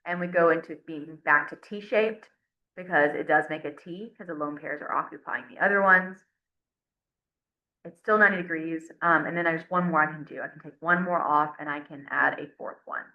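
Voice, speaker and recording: A low-pitched woman lectures a chemistry class at a moderate pace, keeping it casual and going step by step, occasionally counting aloud at the board. The classroom recording sounds roomy, dull and lo-fi.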